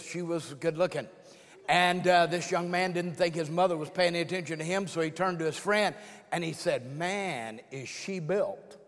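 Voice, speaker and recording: An older man preaching a sermon with folksy humor, telling stories and joking with his audience. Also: sits high. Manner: folksy storytelling with jokes and playful asides. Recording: long hall reverb.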